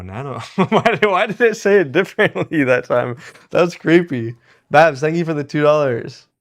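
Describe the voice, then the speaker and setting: Male host, mid-pitched, easygoing live-stream chatter at a repair bench, laughs a lot and reads out viewer messages. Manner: chatty, laughs often, greets and thanks viewers. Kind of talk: casual live-stream chat while soldering.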